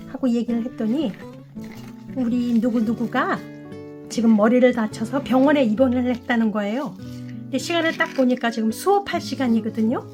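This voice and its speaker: High-voiced middle-aged woman, chatty host. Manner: calm, chatty, acts out phone dialogue. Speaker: succulent channel host. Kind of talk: casual storytelling while repotting plants.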